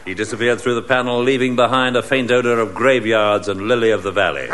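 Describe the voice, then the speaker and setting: A man playing an earnest adventurer who narrates in a mock-dramatic, deadpan radio comedy style. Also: mid-range voice, fast, very noisy, lightly acted. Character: earnest hero adventurer narrating his Gothic exploits.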